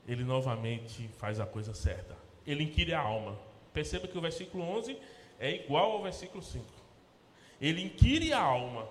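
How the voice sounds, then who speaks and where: A man with a Brazilian Portuguese accent, a pastor preaching a sermon in church, rising to loud emphatic peaks and dropping to soft, low asides. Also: a little hiss or hum. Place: church sanctuary. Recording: echoey church hall with long reverb.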